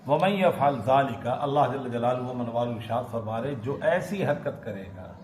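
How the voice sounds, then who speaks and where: A man with a Pakistani Urdu accent giving a Quran lesson in a mosque, reciting Arabic verses and explaining them with questions to the congregation. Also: medium pitch. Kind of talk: mosque sermon, Quran commentary. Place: mosque hall. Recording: echoey mosque hall, faint noise.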